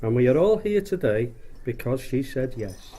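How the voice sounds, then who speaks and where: A man's voice: mid-range voice, big pitch swings, moderate pace, mellow, slight background noise, low-quality recording. A middle-aged man giving a rambling, jokey wedding speech as father of the bride, often repeating and restarting his phrases.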